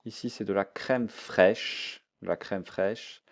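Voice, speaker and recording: A man's voice: fairly low pitch, fairly even intonation, slow, vocal fry. A man teaching a French vocabulary lesson, repeating each word and mixing in English explanations.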